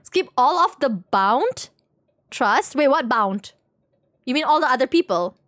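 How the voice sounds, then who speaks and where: This woman streamer's voice sits high and sing-song, with a fairly bright tone and measured pace, as she giggles through casual chat with viewers during gameplay. The recording is clean studio sound without room sound.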